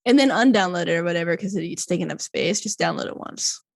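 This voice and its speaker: A woman's voice: on the low side, quick pace, vocal fry, no echo. A woman co-hosting a podcast in casual chat, rambling and laughing often. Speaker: podcast co-host.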